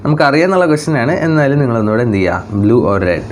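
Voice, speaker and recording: A man teaching young children English online, speaking English with a Malayali accent, reading English lines slowly and explaining them in quick Malayalam, and asking questions that he answers himself. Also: mid-range voice, big pitch swings, a little hiss or hum.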